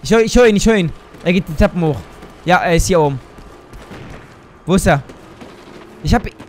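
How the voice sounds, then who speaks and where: A man giving live commentary on a shooter game, excitable, exclaiming and cursing as he plays. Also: sits high, a little fast, slight background noise. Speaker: gaming YouTuber. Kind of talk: live let's play commentary.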